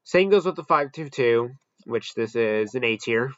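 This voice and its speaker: A man with a medium-pitched, animated voice hosts a ranking of weather radios, offering casual, off-the-cuff commentary at a normal speed. The audio is dull but has no echo.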